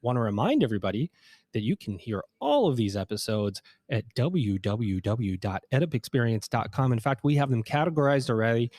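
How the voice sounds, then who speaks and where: A man hosting a live podcast interview at a conference, energetic and joking, a little out of breath. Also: mid-range voice, no echo. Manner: energetic, joking, fast-talking. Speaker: podcast host. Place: conference hotel.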